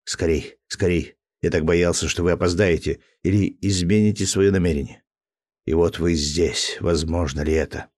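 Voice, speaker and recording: A man's voice: deep voice, moderate pace, darkish tone, dry recording. Man reading an ardent, hot-tempered suitor. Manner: pleading, rapturous, angry outbursts.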